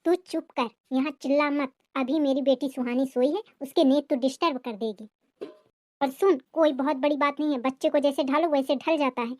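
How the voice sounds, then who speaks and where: A woman's voice: sits high, steady tone, moderate pace, dry recording, studio quality, lightly acted. A woman voicing a harsh, scolding middle-aged mother-in-law in a cartoon family drama. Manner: scolding, accusing.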